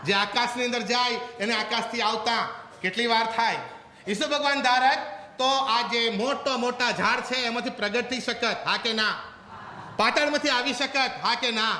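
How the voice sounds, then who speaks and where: Male preacher, high bright voice, rhetorical questions, echoey hall, faint hiss. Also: normal speed. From Gujarat, India. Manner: rhetorical, animated storytelling. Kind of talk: sermon.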